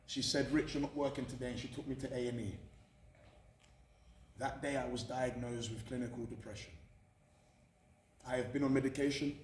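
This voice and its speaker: A British motivational speaker addresses students in an indoor room at a college, his medium-pitched voice steady and moderately paced with frequent pauses. He's candid and emphatic, repeating phrases for effect, and the recording is echoey, far off, with faint noise.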